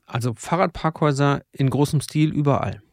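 A man's voice: fairly high pitch, brisk, darkish tone, dry recording, studio quality. A man co-hosting a radio feature who talks conversationally, asks questions and jokes lightly. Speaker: co-host. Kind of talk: scripted radio feature chat.

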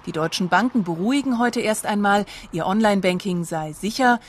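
A woman voices a television news report from a script. She reads evenly and crisply. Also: medium pitch, fairly quick.

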